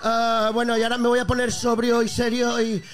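A man's voice: extremely high pitch, completely flat delivery, a little fast. A male comedian improvising a bit, rambling and stammering playfully. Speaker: comedian guest.

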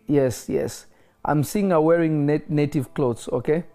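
Man prophesying, slightly high mellow voice. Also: a little slow, soft background music. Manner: declaring, repeatedly asks if the listener is listening. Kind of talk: prophetic ministry over a phone call.

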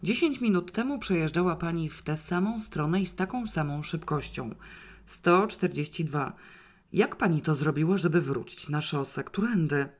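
A woman's voice: deep voice, normal speed. A woman reading aloud and voicing a young male police sergeant in an audiobook, speaking formally. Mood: puzzled.

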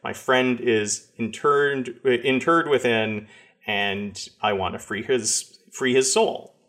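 A man's voice: medium pitch, fairly even intonation, slow, fairly bright tone. A man voicing a woman who earnestly gives directions to a crypt to free her friend's soul. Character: woman quest-giver seeking her dead friend's soul.

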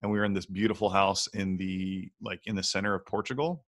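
A man's voice: deep voice, fairly even intonation, fairly quick, a bit bright, no echo, clean studio sound. A man in his thirties, a podcast guest, telling stories in a rambling way with lots of fillers and restarts. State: hiccups. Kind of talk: casual interview chat.

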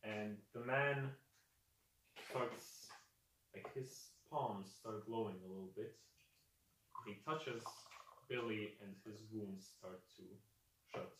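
A man's voice: lowish voice, fairly even intonation, slow, pauses often, noisy background. Man narrating a tabletop game loosely. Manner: loose, filler-heavy, hesitant narration. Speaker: game master. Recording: echoey room, distant mic, faint music.

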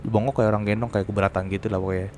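Brief: man, quick casual storyteller, lively when quoting others, light background hiss. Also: on the low side. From Central Java. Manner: animated, acts out quoted lines. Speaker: guest telling a ghost story.

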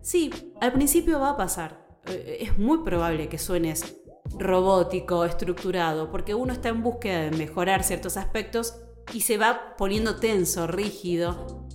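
A woman radio announcer with an Argentine accent, giving advice on a podcast in a measured, emphatic, teacherly way. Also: mid-range voice, lively intonation, a little mellow. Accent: Argentine Spanish. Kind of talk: instructional podcast talk. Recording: roomy echo with faint music.

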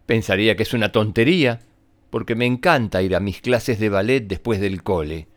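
A man's voice: fairly low pitch, normal speed, dry recording, natural voice. A man voicing a stubborn, matter-of-fact young schoolboy in a children's story. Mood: argumentative. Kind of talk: storybook character reading.

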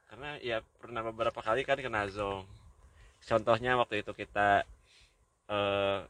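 Bright-voiced laid-back podcast guy. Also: lowish voice, moderate pace, dry recording. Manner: relaxed storytelling, swears casually. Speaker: podcast co-host. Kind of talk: casual chat.

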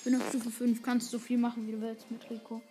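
Excitable woman chatting over gameplay. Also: on the high side, fairly quick, over music. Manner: excitable, frequent loud exclamations. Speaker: gaming channel host. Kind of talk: casual gameplay chat.

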